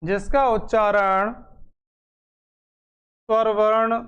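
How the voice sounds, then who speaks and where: A man teaching a grammar lesson, dictating slowly, repeating phrases and asking questions he then answers himself. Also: high voice, little pitch movement, a bit bright, clear, resonant tone, highs cut off. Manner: slow, repeats phrases for note-taking, asks and answers own questions.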